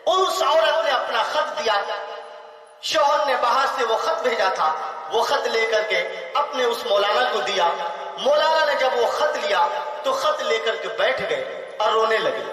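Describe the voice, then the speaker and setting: Male preacher, very high and bright-voiced, fervent repeating cadence; recorded from afar in a long-reverb hall. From India. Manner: fervent, rhetorical, builds by repeating phrases. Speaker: Islamic cleric addressing seminary students. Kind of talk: impassioned sermon. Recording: echoey hall, voice from far off.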